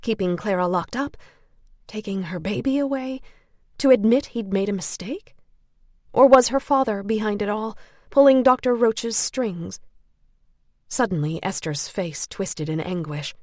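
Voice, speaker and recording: A woman narrating an audiobook of a novel in a measured storytelling manner. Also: medium pitch, darkish tone, no echo, studio quality.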